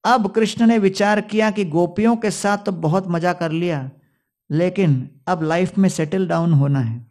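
High-voiced male devotional storyteller. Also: unhurried, darkish tone. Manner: storytelling, quoting Sanskrit verses, mixing in English words. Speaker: preacher. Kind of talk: devotional scripture storytelling discourse.

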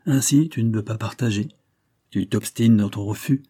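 A man's voice: fairly low pitch, moderate pace, dark tone, breathy edge. A man reading the part of an impulsive young nobleman, easily irritated. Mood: insistent.

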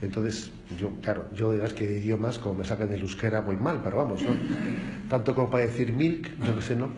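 A man's voice: fairly low pitch, fairly quick. An older man with a Spanish accent from Spain, preaching a conversational homily full of anecdotes and tag questions. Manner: chatty, storytelling, frequent tag questions. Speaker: bishop preacher. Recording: roomy echo, faint background noise.

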